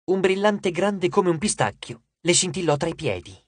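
A man narrating an audiobook in an expressive storytelling manner, close to the mic. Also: high voice, moderate pace, husky, no room sound. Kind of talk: scripted narration.

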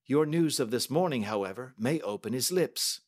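A man reading a story aloud and voicing a calm, stern detective who explains things in a measured, authoritative way. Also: mid-range voice, husky. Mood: composed. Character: calm, stern, self-assured male detective.

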